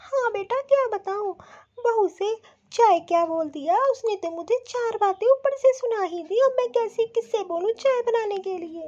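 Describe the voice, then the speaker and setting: A woman's voice: extremely high pitch, expressive, normal speed, a little mellow, dull audio. Woman voicing a sly nagging Indian mother. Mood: grumbling. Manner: sarcastic, nagging. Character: scheming middle-aged mother-in-law, sly and motherly. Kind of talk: cartoon voice acting.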